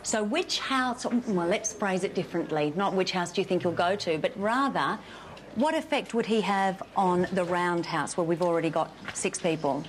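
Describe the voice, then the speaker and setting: A woman's voice: fairly low pitch, normal speed, a little hiss or hum. A middle-aged woman hosting a live TV show from a studio set on a lapel mic, asking playful, teasing questions. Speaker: host.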